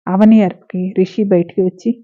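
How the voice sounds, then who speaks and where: A woman storyteller narrating a serialized romance story in a steady reading voice. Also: mid-range voice, fairly quick. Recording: narrow phone-like lo-fi sound.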